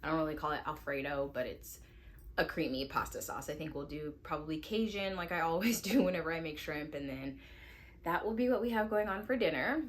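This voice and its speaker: Low-pitched woman, 30s, mom vlogger, relaxed chatty delivery at home. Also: a little fast. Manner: relaxed, chatty, lots of "like" fillers. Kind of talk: casual vlog chat to camera. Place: at home indoors.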